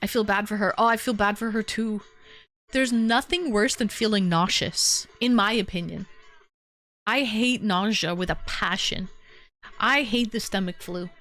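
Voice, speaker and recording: At home, a young woman hosts a livestream, chatting casually and rambling as she answers viewers' comments and talks directly to chat. A lingering cold leaves her a little stuffy, and her mid-range voice is a bit bright and a little slow.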